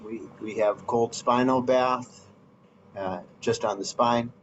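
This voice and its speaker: A man speaking in a slow, halting way over a video call whose audio keeps breaking up. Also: medium pitch, steady tone, noisy background. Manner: slow and halting, with many fillers. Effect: choppy, breaking-up video call audio. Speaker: guest teacher on a video call. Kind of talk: lecture remarks. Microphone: computer mic on a video call. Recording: dull lo-fi video call line.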